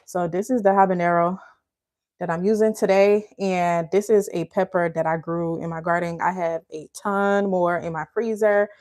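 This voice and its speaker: With a steady, slightly mellow voice on the low side, a Liberian woman chats casually at normal speed while hosting a live cooking stream. She laughs often and calls her viewers y'all, and the recording is dry.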